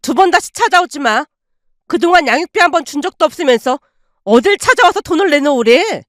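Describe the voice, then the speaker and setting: Woman doing a loud, furious scolding aunt. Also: high voice, animated, dry recording, studio quality. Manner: loud, fast, scolding tirades. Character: fierce, furious middle-aged aunt, sharp-tongued.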